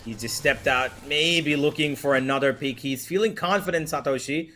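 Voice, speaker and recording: A man casting a live esports match with a bright, punchy voice pitched a bit high. His play-by-play is excitable and urgent, following the action closely. There is clear noise and game ambience behind him. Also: normal speed.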